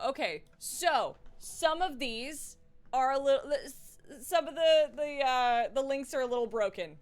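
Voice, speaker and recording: A woman streaming a solo tabletop game, chatting excitedly with her viewers and reading out the adventure. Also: fairly high pitch. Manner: chatty and excitable, talks straight to her chat. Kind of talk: casual live-stream chat and adventure reading.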